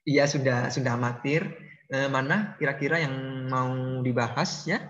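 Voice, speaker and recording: In a muffled recording with background noise, a male university lecturer teaches math online at a moderate pace in a mid-range voice. He's playful, ribbing his students and joking around in put-on regional accents.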